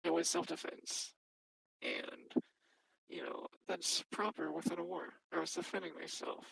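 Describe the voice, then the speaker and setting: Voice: mid-range voice, steady tone, measured pace, vocal fry, a bit bright, breathy edge, rough recording. A person speaking through a voice changer, testifying defensively as the accused in a game-server mock trial. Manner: defensive, self-justifying.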